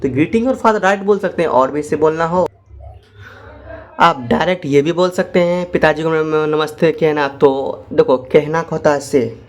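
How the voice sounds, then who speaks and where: A man teaching spoken English, explaining phrases in quick asides and then dictating them slowly word by word. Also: fairly high pitch, fairly even intonation.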